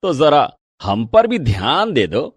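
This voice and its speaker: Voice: medium pitch, big pitch swings, takes it slowly, slightly rough, dry recording, voice pushed down, exaggerated voice. A voice artist voicing a hungry grown son who complains about a late dinner in a cartoon story. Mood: impatient. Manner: impatient, complaining.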